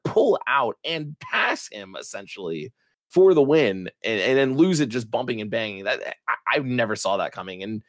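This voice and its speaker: A man hosting a racing podcast, chatting casually and excitedly with lots of fillers and restarts. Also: mid-range voice, no room sound, studio quality. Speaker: podcast host. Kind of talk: casual chat.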